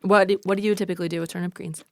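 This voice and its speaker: A woman hosts a relaxed interview in a voice that sits a little low. She asks friendly, curious questions and laughs easily along the way. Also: very fast. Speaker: podcast host. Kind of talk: casual interview chat.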